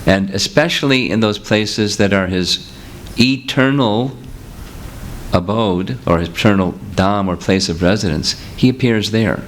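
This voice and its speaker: A spiritual teacher with a low-pitched voice leads a seminar, patiently and unhurriedly working through examples as he answers audience questions. He speaks through a handheld microphone in a meeting room, with a faint hiss of room noise beneath his talk.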